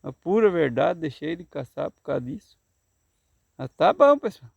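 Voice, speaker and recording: Gravelly older gaúcho grandfather spinning a tale. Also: a little high, very animated, normal speed, no room sound, highs cut off. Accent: Southern Brazilian (gaúcho). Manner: folksy, earnest, insisting it is true. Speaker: grandfather storyteller. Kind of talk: telling a tall tale.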